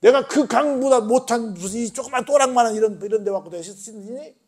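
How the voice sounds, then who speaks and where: A man's voice: very high voice, brisk, darkish tone. A man voicing a proud, angry foreign army commander who grumbles indignantly.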